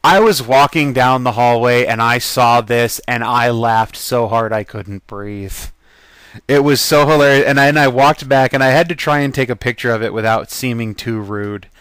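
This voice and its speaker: A chatty man talks his way through a slideshow of his trip photos, rambling along with plenty of ums and little laughs. His voice is smooth and clear, set at an ordinary pitch for a man. The recording is close and dry, with no room sound around it. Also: moderate pace, fairly bright tone, no echo. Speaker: vlogger narrating his convention photos. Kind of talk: casual photo slideshow narration.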